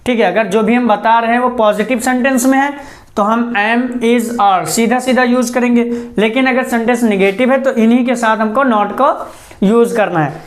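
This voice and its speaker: A man teaching a classroom spoken-English lesson. He keeps asking a question and answering it himself, and he slows down to spell out example sentences word by word. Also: very high-pitched.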